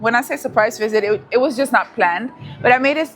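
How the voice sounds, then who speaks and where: A chatty young businesswoman from Ethiopia, raised in the Netherlands, talks through her travel vlog in a relaxed, easygoing way. Her voice sits a little high for a woman, and background music plays clearly under her talk. She laughs easily and drifts between languages. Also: racing. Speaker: vlogger and businesswoman. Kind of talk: casual vlog narration and chat.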